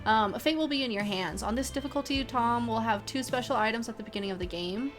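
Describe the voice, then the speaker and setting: A woman's voice: a little high, quick pace, faint music behind. A woman streamer casually reading game menu text aloud, with fillers and small asides.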